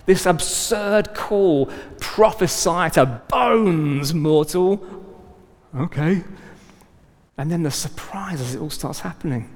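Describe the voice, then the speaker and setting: High-voiced preacher in a reverberant hall. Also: male voice. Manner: emphatic, rising to loud exclamations. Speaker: pastor. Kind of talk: sermon.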